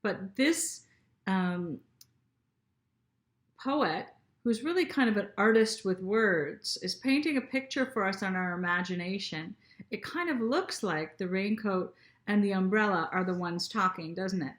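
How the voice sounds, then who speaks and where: Slow, gentle woman teaching children. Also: medium pitch, animated, echoey room. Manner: slow, gentle and encouraging, asking children questions. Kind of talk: children's lesson with read-aloud.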